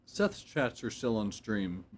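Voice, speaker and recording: A man joins the stream chat in a relaxed, dry and teasing way. His intonation swings widely up and down. Faint room noise hums behind him. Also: on the low side, slow pace. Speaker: stream co-host. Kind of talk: casual chat.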